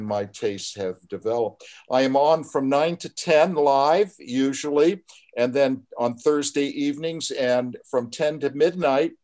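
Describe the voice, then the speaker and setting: An older man with an American accent, a radio host speaking earnestly and in measured phrases in a conversational interview. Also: mid-range voice, darkish tone. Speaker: community radio folk show host. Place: remote group video call.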